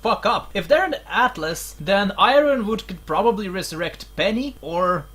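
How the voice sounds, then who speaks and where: A man with a Slavic accent chatting loosely on a home podcast. His voice is a little husky, and he stumbles and restarts his phrases as he goes. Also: sits high, expressive, fairly bright tone. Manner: halting, stuttering, restarts often, laughs between phrases. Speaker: podcast co-host. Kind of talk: casual rambling chat.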